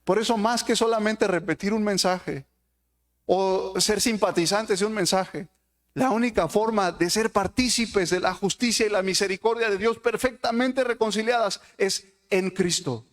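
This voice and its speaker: High-voiced man preaching a sermon. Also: moderate pace. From Mexico. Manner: preaching with rhetorical questions to the congregation.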